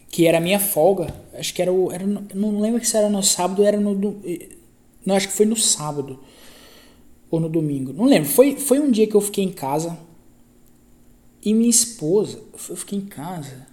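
Rambling Brazilian man, mellow voice. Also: high voice, brisk. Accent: Brazilian Portuguese. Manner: rambling, self-correcting, repeats phrases, slangy. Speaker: podcast host. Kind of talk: casual podcast storytelling monologue.

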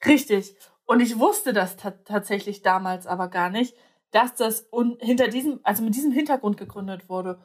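A woman's voice: medium pitch, moderate pace. A young woman chatting casually, hesitating often with fillers and restarts. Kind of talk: casual chat.

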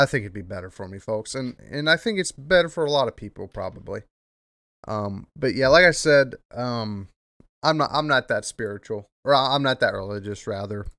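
A man's voice: on the low side, a bit bright, no room sound. Rambling, cursing young man, dry sound. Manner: rambling and profane, heavy with "um" fillers. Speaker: podcast host. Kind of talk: casual monologue.

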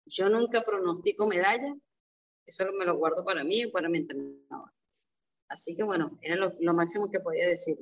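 A middle-aged woman with a Venezuelan accent, a retired karate champion telling her story emotionally, often restarting and voicing her own past thoughts. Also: fairly low pitch. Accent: Venezuelan Spanish. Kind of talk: reflective personal storytelling. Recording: dull, lo-fi sound.

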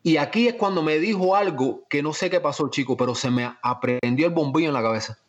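A man with a Cuban accent, an actor telling stories from his career in an animated, emphatic way. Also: a little high, brisk, lo-fi sound. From Miami, United States. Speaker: actor guest. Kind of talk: casual anecdotal storytelling.

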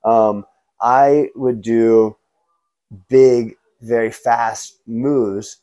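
A man's voice: mid-range voice, steady tone, drawn-out words, dark tone. A man chatting casually and telling stories in laid-back frat-bro slang, full of "man", "bro" and "you know". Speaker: guest, martial arts instructor and skateboarder.

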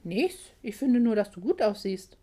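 A woman voicing a calm, charming young male mechanic in a storybook reading, with a laid-back, teasing manner. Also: medium pitch, normal speed, husky. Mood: relaxed.

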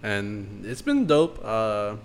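A man chatting casually about TV shows, animated and slangy, with lots of fillers. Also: fairly low pitch, slow. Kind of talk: casual chat.

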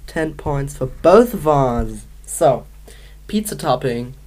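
Brief: low, unhurried woman co-host, playful and giggly, casual game chat. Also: animated, darkish tone, a little hiss or hum. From Manchester, England. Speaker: podcast co-host.

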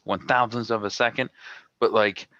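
A man's voice: lowish voice, fairly even intonation, moderate pace, bright, forceful tone, dry recording, highs cut off. A man co-hosting a podcast in casual chat, jokey and riffing on bits. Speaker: podcast co-host. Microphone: video call.

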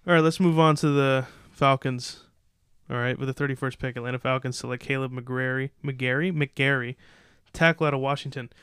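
A man's voice: mid-range voice, steady tone, fairly quick, a bit bright, clean tone, dry recording, studio quality. A man co-hosting a casual sports podcast, reading out draft picks and giving loose, opinionated takes. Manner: opinionated, loose, reads out picks then riffs. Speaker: podcast co-host.

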